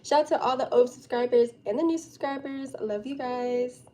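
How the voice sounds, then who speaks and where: Casting: young female live streamer, higher-pitched and soft-edged, giggly casual chat, slight background noise. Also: a little fast. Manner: giggly, chatty, informal.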